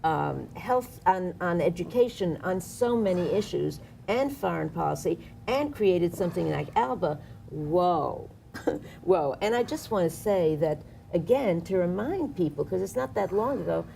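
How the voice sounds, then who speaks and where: Woman with a low gravelly voice. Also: animated, normal speed, hardly any pauses, warm tone, slight background noise. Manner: impassioned, sarcastic political commentary. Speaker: activist guest. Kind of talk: studio panel discussion. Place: studio.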